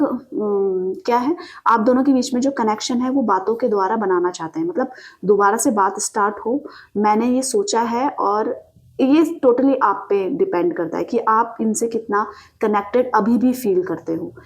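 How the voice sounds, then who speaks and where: A woman's voice: fairly high pitch, normal speed. A woman giving a tarot reading straight to the listener, explaining at length, asking rhetorical questions and adding frequent fillers. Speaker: tarot reader. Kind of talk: direct-to-camera tarot reading.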